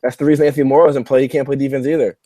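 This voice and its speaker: A man's voice: mid-range voice, little pitch movement, rapid-fire, dark tone, no room sound. A young man in his twenties chatting casually about sports, blunt and offhand.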